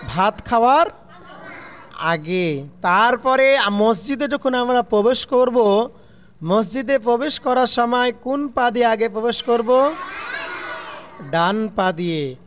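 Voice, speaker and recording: A man's voice: very high-pitched, lively intonation, slow pace, long pauses, a little hiss or hum. A man teaching children a religious lesson, asking questions and answering them himself in a falling tone, call-and-response style.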